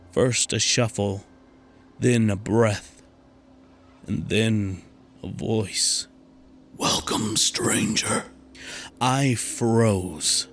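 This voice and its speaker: A male narrator reads a scripted horror story very slowly, with long pauses that let the tension build. His pitch sits in the middle of the range, and his delivery stays hushed and measured. A faint ambience hangs behind his voice. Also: slight background noise.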